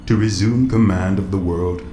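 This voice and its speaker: A man playing a deep, echoing android bunker computer. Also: close to an everyday voice. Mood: reassuring, formal. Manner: android-like, formal, measured, emotionless delivery. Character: calm male android computer running a doomsday bunker. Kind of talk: audio drama acting. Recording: roomy echo, noisy background.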